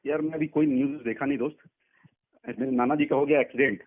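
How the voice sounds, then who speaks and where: An artist's manager takes interview questions on a telephone call, and the recording sounds tinny. His voice sits a little high and his tone stays steady as he talks quickly, sounding informal, friendly and reassuring.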